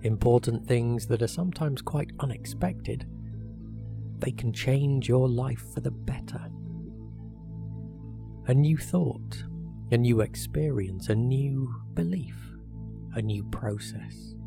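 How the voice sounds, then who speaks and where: Man, mid-pitched voice, guided hypnosis, soothing measured delivery, short phrases with pauses, clear background music. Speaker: hypnotherapist guiding relaxation. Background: meditation music.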